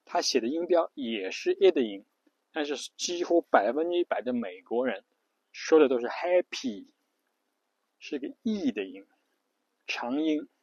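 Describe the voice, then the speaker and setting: A man's voice: on the high side, sing-song, moderate pace, creaky, darkish tone, breathy edge, dry recording, highs cut off. A man giving a casual spoken lesson on pronunciation, repeating himself often, with words. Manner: repetitive, lots of fillers and restarts, spells letters out. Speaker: English pronunciation teacher.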